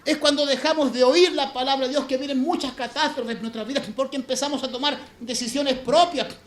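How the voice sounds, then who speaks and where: Male pastor, very high voice, sermon with dramatic loud-to-hushed swings; echoey church sound. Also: fairly even intonation, fairly quick. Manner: preaching with sharp swings between loud emphasis and hushed lows. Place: church sanctuary. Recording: echoey church room, faint ambience.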